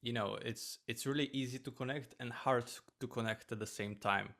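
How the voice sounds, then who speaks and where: Guy, a bit gravelly, chatty and relaxed, lots of ums. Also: medium pitch, normal speed. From Romania. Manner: relaxed, chatty storytelling with fillers. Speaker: host, flight attendant. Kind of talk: casual chat.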